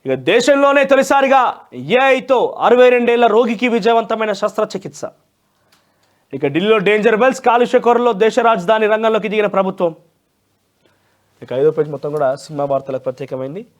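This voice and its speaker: A news presenter with a Telangana Telugu accent reviews the newspaper, adding opinionated commentary in a conversational, emphatic style. His voice sits high and is expressive and a little fast.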